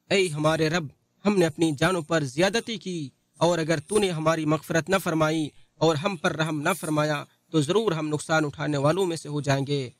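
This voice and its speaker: Guy reading a friday sermon translation, kinda high voice, slow solemn, dry sound. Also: no echo. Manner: solemn, measured recitation.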